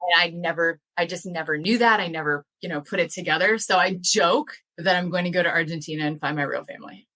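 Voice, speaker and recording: This young woman talks quickly with barely a pause, her low-leaning voice carrying a sharp tone. She's an American guest on an informal podcast, a language educator who also dairy farms, and she discusses her farm and language work eagerly, filling her speech with fillers.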